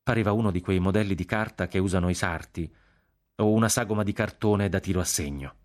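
A man reading a novel aloud on a radio program in a measured, grave, unhurried way. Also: deep voice, a little mellow. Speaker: audiobook reader on a radio program.

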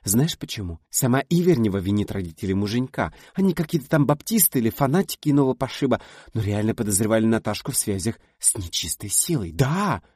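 A man's voice: big pitch swings, fast talker, hardly any pauses, a little mellow, husky, dry recording, clean studio sound. A man voicing a confident woman scientist who teases and confides in her friend in an audiobook. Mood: confiding. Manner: teasing, knowing, lowered confiding tone.

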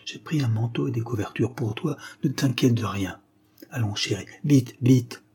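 A man's voice: mid-range voice, moderate pace, creaky, warm tone, breathy edge. A man reading a tender young lover murmuring urgently.

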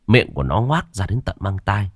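A man narrating a ghost story in a steady, dramatic way. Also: deep voice, moderate pace, no echo, studio quality.

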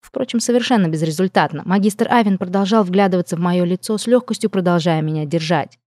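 A woman reads a first-person story aloud in an expressive way. Her tone is warm and mellow, and the sound is close and dry. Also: lowish voice, quick pace, dry recording. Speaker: narrator. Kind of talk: first-person audiobook narration.

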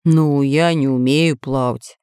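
A woman's voice: lowish voice, level tone, slow, a little mellow, clear, resonant tone, no room sound, studio quality. A woman voicing a clumsy male pirate who whines and sounds near tears. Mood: whiny.

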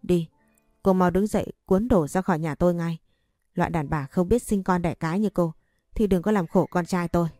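A woman's voice: fairly low pitch, brisk, dark tone, no echo, studio quality, faint music behind, natural voice. A woman voicing a stern, scornful older mother-in-law who scolds and demands in a storybook reading. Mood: angry.

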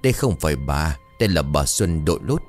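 A man's voice: rumbling low, very animated, brisk, faint music behind. A man voicing a stern old female ritual master who commands and chants incantations. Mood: commanding.

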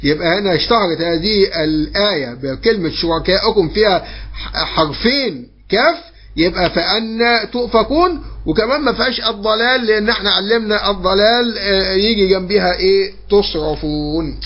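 A man teaching an online Quran memorization lesson with an Egyptian Arabic accent. He asks questions and answers them himself, explaining patiently and repeating points with drawn-out fillers. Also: high-pitched, slightly rough, highs cut off. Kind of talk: recorded online course lesson.

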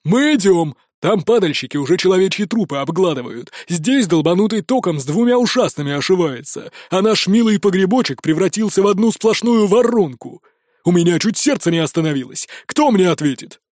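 A short, gruff dwarf leader snaps and sneers in this audiobook, as a man acts him out. His voice sits high and leaps all over the place. The sound is close and dry. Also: lively intonation, fairly quick, darkish tone, no room sound. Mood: angry. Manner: barking, sarcastic. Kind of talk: audiobook character voice.

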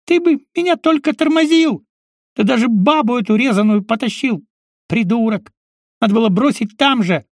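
A man voicing a spiteful, contemptuous older male ex-colleague who yells insults in an audiobook. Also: lively intonation, moderate pace, no echo, clean studio sound. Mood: contemptuous yelling. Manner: shrill, yelling insults.

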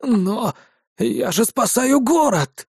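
Man playing an indignant doctor, high, worked-up, dry close sound. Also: sing-song, slow pace, gravelly, darkish tone, husky, no echo, exaggerated voice. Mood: pleading. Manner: indignant, pleading. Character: agitated indignant male doctor.

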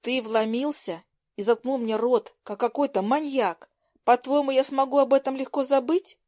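A woman's voice: medium pitch, unhurried, no echo, clean studio sound, natural voice. Woman playing a furious teenage schoolgirl. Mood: furious, indignant. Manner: sharp, shouting, indignant. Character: indignant teenage schoolgirl, hot-tempered.

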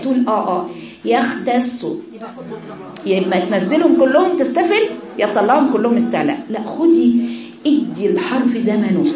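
A woman with an Egyptian accent teaching Quran recitation to a class of girls, asking questions and answering them herself and drawing out letter sounds to show them. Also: on the high side. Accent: Egyptian Arabic. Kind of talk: classroom lesson on tajweed letter qualities. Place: classroom with female students. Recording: echoey room, mic far off, students' voices behind.

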